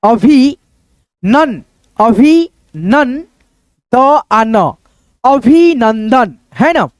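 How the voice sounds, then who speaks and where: A man teaching Hindi reading online, breaking hard words into syllables and repeating them slowly, often calling the viewers friends. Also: very high voice, animated, dry recording. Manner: addresses viewers as friends with frequent fillers.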